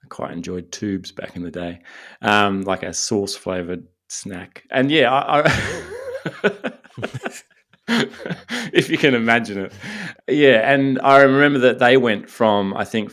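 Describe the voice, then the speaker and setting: A man with a fairly low voice co-hosts the podcast as the comedian. He jokes in a playful, easygoing chat. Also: lively intonation, measured pace, fairly bright tone. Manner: joking, playful. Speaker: comedian co-host.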